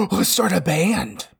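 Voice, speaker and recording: A man's voice: high voice, gravelly, breathy edge. A man in an improvised comedy scene, rambling and playing drunk.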